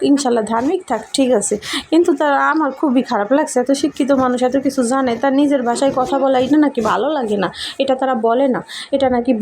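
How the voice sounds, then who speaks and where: A woman's voice: sits high, darkish tone. A woman vlogger with a Barishal Bengali accent, chatting casually and rambling to her viewers while teasing the cameraman, her husband, who holds the camera. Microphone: camera held by her husband.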